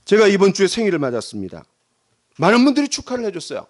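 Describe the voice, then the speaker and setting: Man, pastor, sermon, dramatic, high voice, lively pitch. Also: rapid-fire. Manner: dramatic, acts out voices in quotes. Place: church sanctuary.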